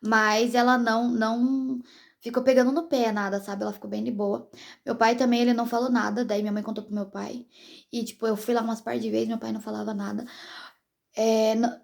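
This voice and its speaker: A woman's voice: fairly high pitch, vocal fry, darkish tone. A young pregnant woman from Brazil chatting casually to her viewers as a vlogger, in a rambling, direct way.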